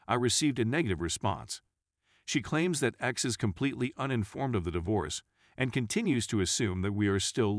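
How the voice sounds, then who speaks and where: Low-voiced man narrating a forum story. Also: dry recording, studio quality. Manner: steady reading of a first-person account.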